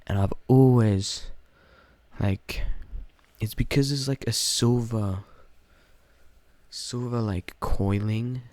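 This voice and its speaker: A man's voice: medium pitch, fairly even intonation, takes it slowly, pauses often, darkish tone, no room sound. A man giving casual, off-the-cuff reaction commentary in a slangy, jittery way, full of amused disbelief. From Australia. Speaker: reaction video host.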